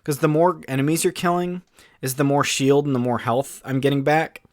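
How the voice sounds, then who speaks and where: A man co-hosting a podcast, chatting casually and excitedly in long rambling runs full of fillers. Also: mid-range voice, normal speed, no room sound, studio quality. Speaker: podcast co-host. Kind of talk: casual chat.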